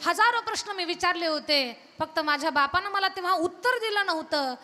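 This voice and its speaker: A woman voicing a heartbroken old father who regrets his past, in a lowered, subdued, tearful tone. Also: brisk, bright, forceful tone, soft background music. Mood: sorrowful. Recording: long hall reverb from a PA.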